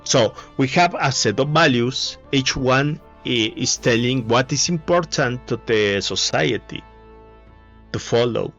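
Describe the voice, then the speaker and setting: Spanish-accented man, second-language English, slow and halting with lots of "uh", solo talk on a dull lo-fi mic over faint music. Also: mid-range voice, fairly bright tone. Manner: halting, many fillers and restarts. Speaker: video essayist. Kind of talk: casual monologue.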